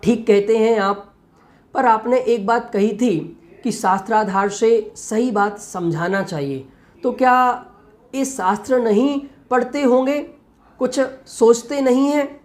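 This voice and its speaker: A man's voice: very high-pitched, slow pace. A man reading aloud an earnest young woman who questions her teacher, in his own voice. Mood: questioning.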